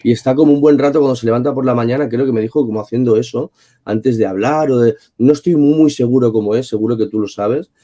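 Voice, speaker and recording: A man's voice: mid-range voice, fast, mellow. A man hosting a podcast, asking long, hesitant questions in a casual way. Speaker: podcast host.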